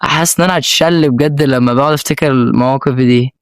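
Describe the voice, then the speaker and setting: A man's voice: medium pitch, very fast, dry recording, studio quality. A young man with an Egyptian accent, telling an emotional personal story as a vlogger, rambling with many restarts. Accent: Egyptian Arabic.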